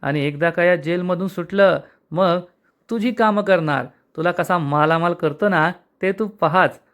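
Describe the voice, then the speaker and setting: A man's voice: high voice, measured pace, fairly bright tone. A man voicing a boastful, scheming male crook in jail while retelling a TV serial episode, in a taunting, mocking manner.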